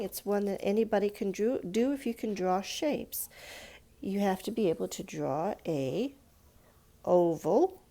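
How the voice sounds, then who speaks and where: With a warm, mid-range voice, a woman teaches children to draw one step at a time in a relaxed lesson. As their art teacher, she keeps explanations simple and patient and poses questions to the kids.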